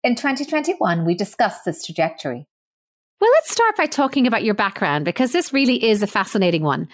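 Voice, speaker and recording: A woman host reading a scripted intro and asking curious, measured interview questions. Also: mid-range voice, sing-song.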